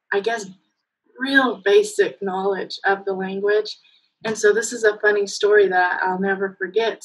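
Over a laptop webcam on a video call from a room at home, a Mexican woman in her thirties, a native Spanish speaker, chats as a guest in a casual interview. Her medium-pitched voice has a breathy edge, and the audio is poor. She tells stories warmly, full of fillers and bursts of laughter.

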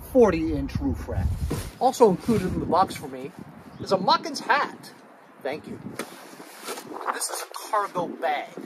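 A middle-aged man casually reviewing a product in a suburban driveway, chatting to viewers he calls guys, recorded on a phone camera. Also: a little high. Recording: outdoor street noise behind.

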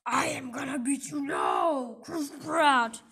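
A woman's voice: high-pitched, takes it slowly, pushed and bright, voice pushed down, full character voice. A woman voicing a scheming adult male impostor villain in a hobby animation, gloating and throwing out threats. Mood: threatening.

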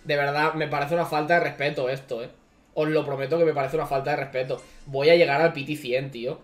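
Spain Spanish male streamer, slightly high voice, repetitive swearing rants over game pulls. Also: steady tone, fast talker. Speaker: gaming streamer. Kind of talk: gacha summon reaction commentary.

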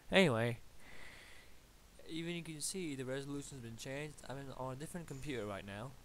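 A low-quality recording with a little hiss or hum captures a young man from Bulgaria, Bulgarian-accented, casually commentating his game at his home computer. His mid-range voice has a fairly bright tone, and he rambles and swears playfully at enemies. The desktop mic is awkwardly placed.

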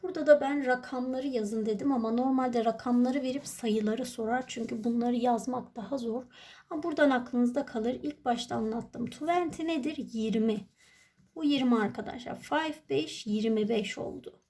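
Turkish woman teacher, high voice. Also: moderate pace, warm tone. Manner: explains step by step, asking and answering her own questions. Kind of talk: exam walkthrough lesson.

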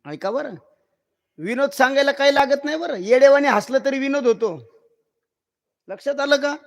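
A man's voice: very high-pitched, animated, moderate pace. A man preaching a devotional kirtan sermon to a live gathering, declamatory and teasing the crowd with rhetorical questions.

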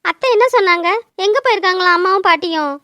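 This is a frightened schoolgirl in a cartoon, very high in pitch. Her lines come out tearful and pleading, recorded close and dry. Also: fast, bright, forceful tone, dry recording. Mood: worried. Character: frightened schoolgirl, older cousin. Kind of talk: cartoon dubbing.

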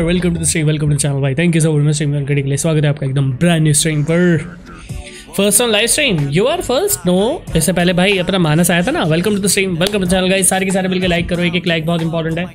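A man streaming a horror game live, greeting viewers by name and reacting with lively chatter that mixes in English phrases. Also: high voice. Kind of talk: live gameplay commentary.

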